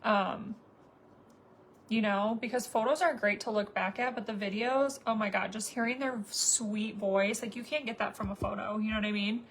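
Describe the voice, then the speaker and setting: A woman's voice: mid-range voice, fairly even intonation, normal speed, slight background noise. A woman in her thirties chatting casually to viewers while doing her makeup, rambling with lots of fillers. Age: 30s. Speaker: makeup vlogger.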